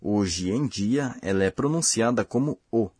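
Husky man explaining a language lesson. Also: on the low side, animated, darkish tone, no room sound, studio quality. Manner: slow, careful explanatory delivery. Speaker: language course host. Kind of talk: scripted lesson narration.

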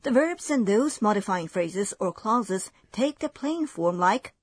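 Husky-voiced woman hosting a language lesson. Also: medium pitch, expressive, no room sound. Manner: clear, measured explanations. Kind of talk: scripted lesson narration.

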